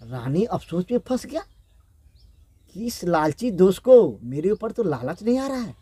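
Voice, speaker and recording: A male storyteller, spinning a folk tale in a rustic, repetitive way. His voice is high and his pace slow. The recording is close and dry. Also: sing-song, mellow, slightly rough, no echo.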